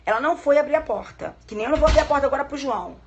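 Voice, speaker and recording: A woman's voice: sits high, animated, rapid-fire, lo-fi sound, slight background noise. A middle-aged woman law professor giving a live-streamed lecture, chatty and affectionate, telling a case as a story.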